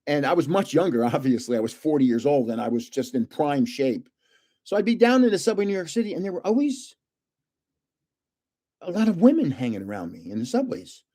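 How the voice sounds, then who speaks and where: Opening trading cards on a livestream, an animated man in his seventies spins rambling anecdotes in a casual storytelling chat, laughing frequently. By his own account, his voice turns booming when he yells.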